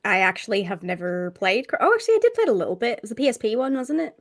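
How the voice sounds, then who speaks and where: A woman co-hosting a casual gaming podcast, chatty and quick to giggle. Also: a little high, big pitch swings. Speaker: podcast co-host.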